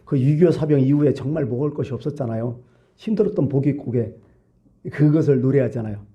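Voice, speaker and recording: A male pastor preaching a sermon, asking rhetorical questions and swinging between loud emphasis and hushed, near-whispered lines. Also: mid-range voice, fast, dull audio. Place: church.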